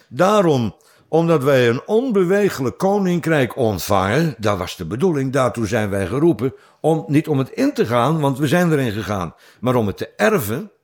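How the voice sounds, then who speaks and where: A middle-aged man preaching, reading scripture slowly and with stress, then explaining it in plain talk. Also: medium pitch. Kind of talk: Bible teaching sermon.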